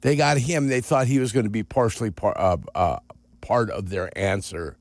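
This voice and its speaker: A man's voice: on the low side, moderate pace, no room sound. A man co-hosting sports talk radio, blunt and opinionated.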